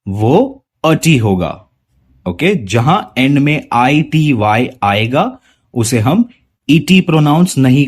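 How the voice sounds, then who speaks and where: Slow, husky man teaching pronunciation. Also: medium pitch. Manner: slow, deliberate, repeats words to model pronunciation. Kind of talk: spoken English lesson in Hindi.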